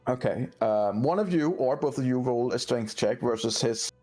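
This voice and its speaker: A man's voice: medium pitch, moderate pace, darkish tone, faint music behind. A man acting as game master, narrating a tabletop role-playing game and talking casually with players.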